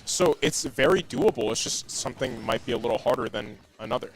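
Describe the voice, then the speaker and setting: A young man doing excitable, casual color commentary on an esports match, saying "bro" a lot and laughing often. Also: mid-range voice, a little fast, faint music behind.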